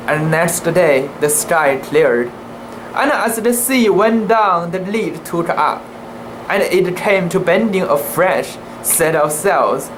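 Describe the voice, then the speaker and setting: Against a constant background hum in a noisy room, a medium-pitched amateur video maker reads a classic sea story dramatically. The pace is deliberate and halting, with the odd stumble over a word.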